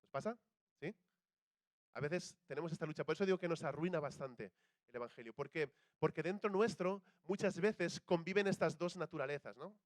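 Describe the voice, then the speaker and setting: Speaking a little fast with a fairly high pitch, a young Spanish-accented man from Spain preaches in a chatty manner. He questions the congregation and acts out quoted voices, with no room sound in the recording.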